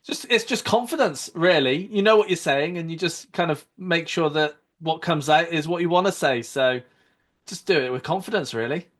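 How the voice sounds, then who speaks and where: A man's voice: on the high side, moderate pace, fairly bright tone. A man hosting a podcast interview in a confident radio presenting voice. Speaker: podcast host.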